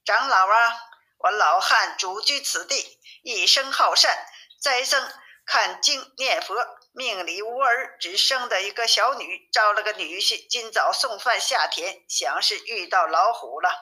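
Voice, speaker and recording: Lady reading as a sneaky demon playing a meek old man, bright voice, pleading, storybook. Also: mid-range voice, a little slow, low-quality recording. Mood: humble.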